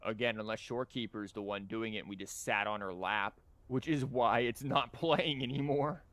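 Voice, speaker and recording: Game music plays behind this male streamer as he chats loosely through a livestream, cracking jokes, wandering into asides, and voicing in-game dialogue. He speaks at a moderate pace in a lowish, fairly bright voice.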